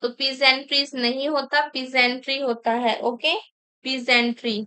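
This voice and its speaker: A woman teaching an exam-prep grammar lesson, slowly dictating example sentences and explaining each correction. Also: high-pitched, flat delivery, sharp tone, clear, resonant tone, poor audio. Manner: mixes Hindi explanation with English sentences.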